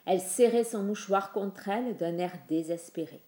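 A woman narrating a storybook in a measured, expressive reading. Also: mid-range voice.

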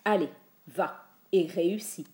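A woman's voice: lowish voice, unhurried, a little mellow, echoey room, lightly acted. A woman voicing a worried, commanding male king of the gods in a storybook.

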